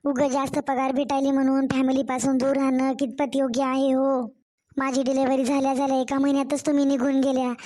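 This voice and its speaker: Woman voicing a sorrowful young mother, high-pitched. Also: little pitch movement, brisk, mellow, natural voice. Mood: pleading. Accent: Marathwada Marathi. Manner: complaining, tearful pleading. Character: young mother, distressed, pleading daughter-in-law. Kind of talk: cartoon story voice acting.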